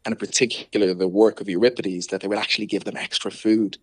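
A man's voice: fairly low pitch, fairly even intonation, fast talker, husky, dry recording. A man with a Dublin Irish accent, explaining things conversationally as an author in an interview and often rewording himself. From Ireland.

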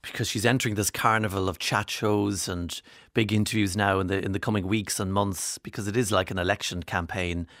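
A man's voice: fairly low pitch, steady tone, a little fast, fairly bright tone, dry recording, studio quality. A man with an Irish accent hosting a casual, conversational radio interview.

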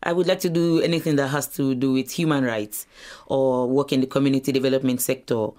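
A middle-aged woman speaking candidly as an interview guest, expressive and slipping into acted-out dialogue. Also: extremely low pitch, fairly quick. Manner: expressive, acts out quoted dialogue. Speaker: interview guest, human rights campaigner.

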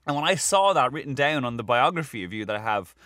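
A man's voice: medium pitch, animated, quick pace, a bit bright. A man with an Irish accent hosting a casual radio interview, informal and colourful in his phrasing. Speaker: radio show host.

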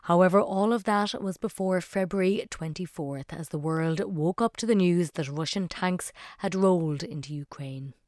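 Brief: woman radio presenter, lowish voice, dry close sound, measured. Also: a little mellow, no echo. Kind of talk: scripted radio narration.

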